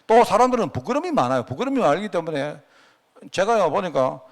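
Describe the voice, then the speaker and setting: A man's voice: high voice, big pitch swings, quick pace. A male pastor with a Gyeongsang accent preaching a sermon in a conversational way, often asking the congregation questions. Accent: Gyeongsang Korean.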